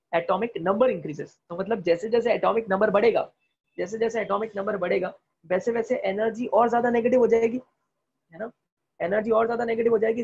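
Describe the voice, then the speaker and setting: A man teaching chemistry in an online class, talking fast, quizzing students with repeated questions and mixing English terms into Hindi. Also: high voice, breathy edge, dull audio. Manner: talks fast. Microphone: video call.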